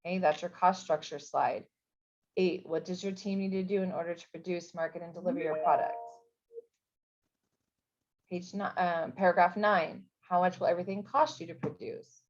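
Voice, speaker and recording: A woman's voice: lowish voice, fairly even intonation, normal speed. Casual woman explaining, lo-fi sound. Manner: casual, conversational, with many fillers and restarts. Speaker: program coordinator. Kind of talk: recorded info session walkthrough. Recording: dull, lo-fi recording.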